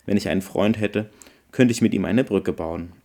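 A man's voice: lowish voice, moderate pace, mellow. A man voicing a lonely, grumpy male forest creature in a storybook reading. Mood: wistful. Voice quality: grumbling.

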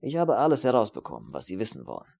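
A man voicing a worldly male exile with a brisk, matter-of-fact manner, a touch louder than his narration. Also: fairly low pitch, huge pitch swings, gravelly, husky, heavily acted.

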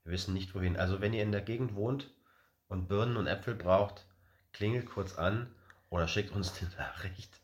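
Casting: deep-voiced father co-hosting a home podcast, chatty, stumbling, lots of "uh". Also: moderate pace. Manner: rambling, hesitant, many fillers. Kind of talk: casual family podcast chat.

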